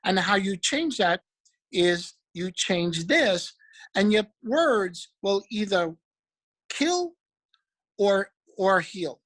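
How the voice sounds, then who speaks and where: A man giving an energetic, preachy motivational talk about trading, repeating affirmations. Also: sits high, low-quality recording. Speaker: motivational speaker for a trading group.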